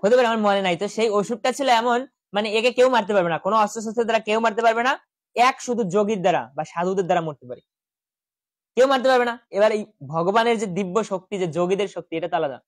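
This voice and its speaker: Animated village storyteller man. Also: sits high, quick pace, no room sound. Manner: animated, acts out god's voices in quoted lines, asks pupils questions. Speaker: Gita school teacher. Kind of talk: storytelling scripture lesson to children. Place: village house school room.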